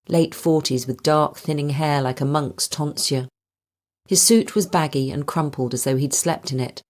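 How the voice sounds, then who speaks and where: A woman narrating a crime novel audiobook in a measured, even storytelling manner. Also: deep voice. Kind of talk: scripted narration.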